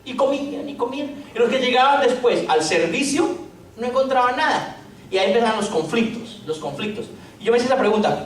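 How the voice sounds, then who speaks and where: A man preaching a sermon as pastor, joking and telling stories with lots of rhetorical questions. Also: very high-pitched. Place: church hall. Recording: echoey church hall, distant mic, faint noise.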